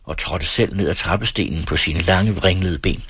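A man narrating a novel as an audiobook in a calm, measured reading voice. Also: low voice, a little hiss or hum.

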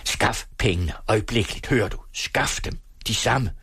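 A man reading aloud as a middle-aged father with a hot temper, thundering and bullying at his household. The voice is husky and raised in a fury, and it sits dry and close to the mic. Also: lowish voice, a bit bright, no echo, voice pushed up, full character voice. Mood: furious. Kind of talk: audiobook reading.

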